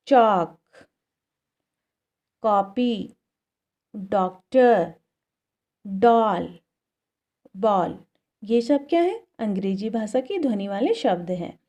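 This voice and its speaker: A woman's voice: a little high, warm tone. A woman teacher giving a recorded Hindi lesson to young children. She asks questions and answers them herself, and she draws out each example word. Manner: drawn-out, exaggerated pronunciation of example words. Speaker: school teacher.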